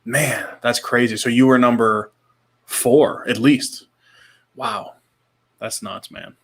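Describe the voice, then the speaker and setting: This podcast co-host, a man in his thirties, speaks slowly with medium pitch, fairly even intonation and a slightly bright sound. His casual, slangy style features short repeated reactions, and now and then he reads comments aloud.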